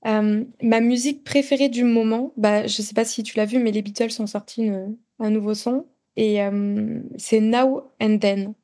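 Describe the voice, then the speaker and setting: A woman's voice: fairly high pitch, steady tone, normal speed, few pauses, dark tone. A woman with a French accent, a podcast guest talking casually, with many fillers and restarts. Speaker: podcast guest, content creator. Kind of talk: casual interview chat.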